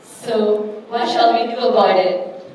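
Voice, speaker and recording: A woman's voice: a little high, steady tone, takes it slowly, a little mellow. A woman presenting a group project in an upbeat, storytelling way. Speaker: workshop participant presenting a project. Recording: echoey hall, distant mic, background noise.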